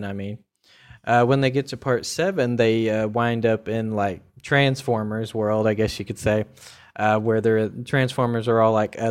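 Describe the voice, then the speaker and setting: A young man giving a casual, rambling spoken review, full of fillers and restarts. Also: medium pitch. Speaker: video reviewer.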